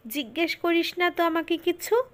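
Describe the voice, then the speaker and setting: A woman voicing a sharp-tongued young woman student. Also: very high voice, moderate pace, voice pushed up. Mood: teasing, scolding. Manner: scolding, indignant.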